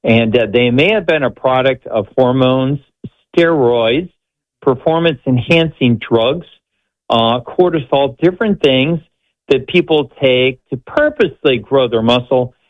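A man with a medium-pitched voice speaks as a doctor guesting on radio. He explains things conversationally, in measured, halting phrases. The audio is a little dull and band-limited. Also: expressive.

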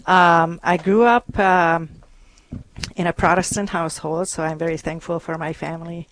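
A woman from Hungary, a guest on a radio show, telling her story earnestly with many pauses and ums. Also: on the low side, fairly even intonation. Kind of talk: interview conversation.

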